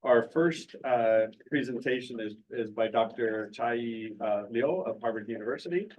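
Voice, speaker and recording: A man moderating an academic symposium, relaxed and hesitant, with filler words as he sets things up. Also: medium pitch, normal speed, poor audio. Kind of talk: casual moderating. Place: lecture room.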